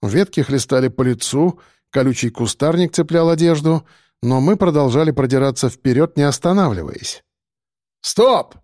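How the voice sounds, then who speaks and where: Dark-voiced male audiobook narrator. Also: mid-range voice, normal speed, no room sound, clean studio sound. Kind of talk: scripted first-person narration.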